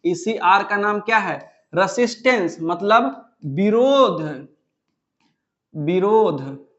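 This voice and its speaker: A man's voice: high voice, expressive, extremely slow, a bit bright, lo-fi sound. A man teaching a physics lesson, who asks the class questions and then answers them himself. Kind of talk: classroom lecture.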